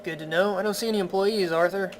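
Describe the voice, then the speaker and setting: High-voiced man doing game commentary. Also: steady tone, fast talker, noisy background. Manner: chatty, playful, wry. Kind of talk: casual let's-play commentary. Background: game music.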